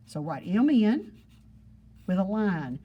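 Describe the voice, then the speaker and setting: The recording sounds lo-fi, capturing a woman's husky, medium-pitched voice, very animated yet slow, as she teaches geometry. In a classroom with students, she patiently explains and repeats points using everyday examples.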